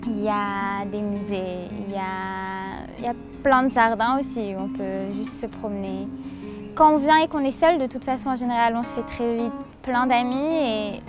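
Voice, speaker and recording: A woman in her twenties from Paris, a university student giving an earnest testimonial in a halting way, with many pauses and fillers. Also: on the high side. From France, Paris. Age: 20s. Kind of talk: testimonial interview. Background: plucked guitar music.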